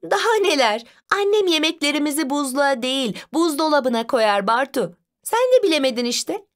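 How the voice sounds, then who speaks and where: Woman voicing a bright eager little girl. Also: high-pitched, normal speed, voice pushed up. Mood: excited. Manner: excited, bright, bouncy child voice. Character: cheerful clever young girl, big sister.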